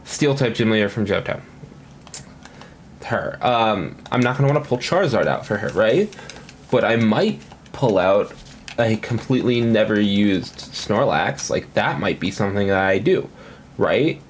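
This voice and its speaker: Slow, low-voiced man thinking aloud. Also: lively intonation, a little hiss or hum. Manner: rambling, thinking aloud with many fillers. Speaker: gaming commentator. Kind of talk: casual gameplay commentary.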